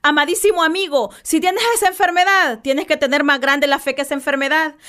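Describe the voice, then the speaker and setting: A woman's voice: high voice, steady tone, a little fast, a bit bright. A woman preaching a devotional sermon, impassioned, repeating lines for emphasis and addressing listeners affectionately.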